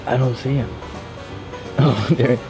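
A young man chatting casually and excitedly as he films a prank vlog outdoors on a handheld camera. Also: mid-range voice, takes it slowly, rough recording. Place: outdoors in a backyard by a pool. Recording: loud music over the voice.

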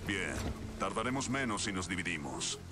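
An actor playing a gruff male soldier squad leader, giving terse military orders in dubbed video game dialogue. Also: sits low, expressive, moderate pace, over loud music.

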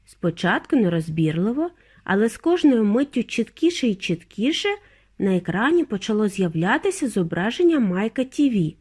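Expressive woman reading a children's story. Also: mid-range voice, moderate pace, breathy edge. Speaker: narrator.

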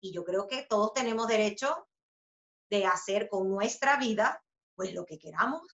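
A Venezuelan woman in her thirties, an author and journalist, answers interview questions casually and animatedly, full of fillers and restarts. Her voice is medium-pitched and her pace moderate. She's on a video call webcam in a home room with a book poster, and the audio sounds roomy and slightly dull.

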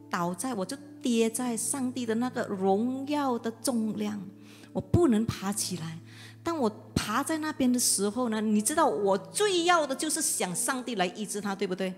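A middle-aged woman pastor shares her testimony from the pulpit, earnest and vivid, pausing to find her words. Her voice rings out through a large hall with a long reverb. Soft instrumental music plays underneath. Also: on the high side. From Indonesia. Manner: earnest, vivid storytelling with hesitant pauses. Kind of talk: personal testimony sermon. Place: church auditorium.

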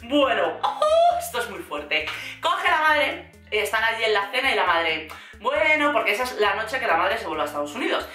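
A woman from Spain with a Spain Spanish accent, sarcastically recapping a reality show in animated casual chat. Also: a little high, moderate pace. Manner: sarcastic, animated, acts out quotes. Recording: roomy echo, faint music.

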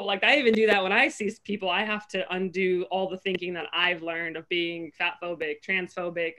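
A young adult woman speaking as a panelist on a video call from home. She talks in an earnest, reflective way, leaning on "like" and acting out her own inner thoughts in quick voices. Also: mid-range voice, fairly bright tone. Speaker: panelist, pro basketball player. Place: home room. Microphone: video call, laptop webcam.

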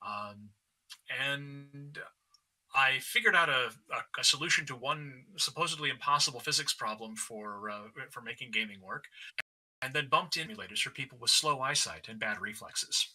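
A man's voice: medium pitch, lively intonation, moderate pace, sharp tone, low-quality recording. A man designing games, explaining a virtual map demo on an online panel call. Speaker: game designer.

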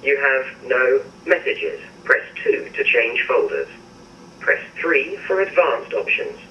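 A man's voice: mid-range voice, lively intonation. An automated male voice reading voicemail menu prompts, heard over a landline phone. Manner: measured, recorded menu announcements. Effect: heard over a landline phone handset. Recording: muffled, distant landline phone audio with faint hiss.

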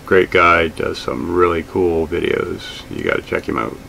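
A middle-aged man with a deep, gravelly voice talks slowly and easily to a camera across the table. His manner is plain-spoken and unhurried, with plenty of ums and uhs. A faint air conditioner hums in the small room. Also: slight background noise, low-quality recording. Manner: relaxed, plain-spoken, with frequent fillers. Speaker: outdoors vlogger. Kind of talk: casual gear talk to camera. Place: small indoor room with shelves of gear.

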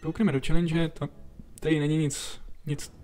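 A man's voice: a little high, level tone, warm tone. Chatty young man narrating gameplay. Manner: chatty, talks to himself and to enemies while playing. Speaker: gameplay commentator. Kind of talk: casual let's play commentary. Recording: faint background game music. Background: game music.

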